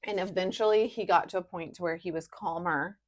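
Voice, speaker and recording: A woman's voice: on the low side, brisk. A woman in her thirties, an ADHD coach, telling stories candidly in casual podcast chat. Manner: conversational, candid storytelling with many "like" fillers.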